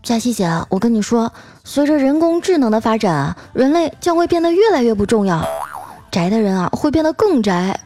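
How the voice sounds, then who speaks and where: Woman doing a preachy, dramatic young man, voice pushed up high and bright. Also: sing-song, fairly quick, soft background music. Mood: lecturing. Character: earnest young man lecturing on AI doom.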